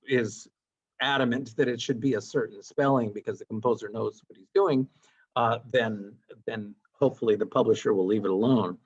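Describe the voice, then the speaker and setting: A male music teacher giving a classroom lecture, explaining as he goes with fillers and self-corrections. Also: mid-range voice. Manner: explanatory, thinking aloud with fillers and asides. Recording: dull lo-fi sound with loud guitar and instrument music.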